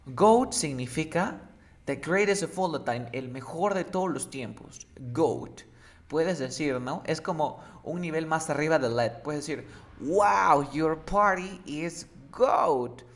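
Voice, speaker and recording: A man's voice: fairly high pitch, unhurried. A man teaching English slang in a casual lesson, often checking that the student follows. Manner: lively, checks understanding often.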